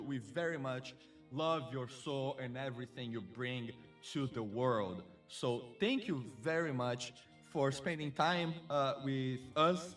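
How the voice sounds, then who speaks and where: A man's voice: mid-range voice, fairly bright tone, recorded from a distance. A man hosting a casual live stream, chatty and effusive, greeting viewers and a co-host.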